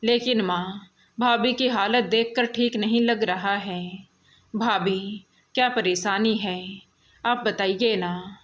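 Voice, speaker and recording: A kind, protective young man, as a woman storyteller puts him on, asking concerned questions. The voice stays slow and even, like a storybook read. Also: mid-range voice, highs cut off. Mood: worried.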